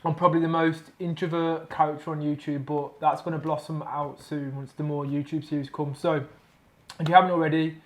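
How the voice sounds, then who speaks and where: A man's voice: a little high, level tone, brisk. A man, a fitness coach, chatting casually and self-deprecatingly in a vlog.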